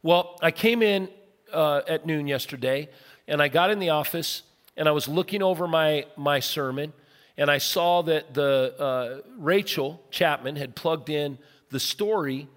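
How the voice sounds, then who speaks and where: A middle-aged man, a pastor, preaching a casual, earnest sermon and telling stories, now and then breaking into loud bursts. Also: a little high, unhurried. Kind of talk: conversational sermon. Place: large church auditorium. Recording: long hall reverb from a big sanctuary.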